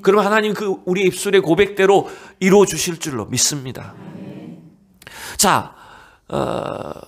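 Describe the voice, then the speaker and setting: Animated male pastor preaching. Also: high-pitched. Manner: animated preaching, slows to read scripture aloud. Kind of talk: sermon. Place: church sanctuary.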